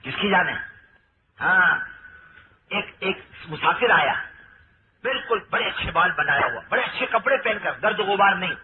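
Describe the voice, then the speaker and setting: High-pitched preacher man, lots of questions to the crowd, acts out his stories, tinny lo-fi sound with hiss. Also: expressive, long pauses. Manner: rhetorical questions, dramatic storytelling with acted voices. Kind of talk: sermon.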